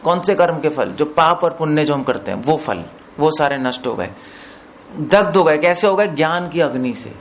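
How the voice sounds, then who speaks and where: A man with a fairly high voice teaching scripture to a gathering, pausing to quiz his listeners and slipping English terms into his explanation. A faint hiss sits under the recording. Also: lively intonation. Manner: explains with questions to listeners, mixes in English words. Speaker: preacher. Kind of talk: scripture discourse.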